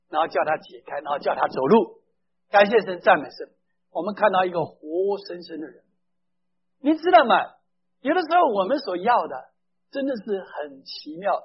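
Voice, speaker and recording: A male preacher delivering a sermon with a strikingly high, husky voice. He talks with emphasis, keeps turning to his listeners with direct questions and slips English phrases into his speech. The recording sounds dull and lo-fi.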